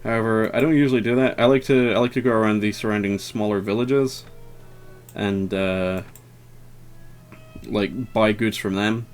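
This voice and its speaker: Rambling low-voiced man playing a game. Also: fairly even intonation, moderate pace, faint music behind. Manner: rambling, hesitant, lots of fillers; self-deprecating and wry. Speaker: let's player. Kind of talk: casual gameplay commentary.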